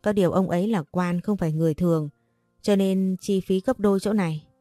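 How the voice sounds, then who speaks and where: A woman voicing a greedy, sly older male shaman who talks in a slow, knowing, wheedling way. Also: medium pitch, steady tone, mellow, no room sound, faint music behind, natural voice.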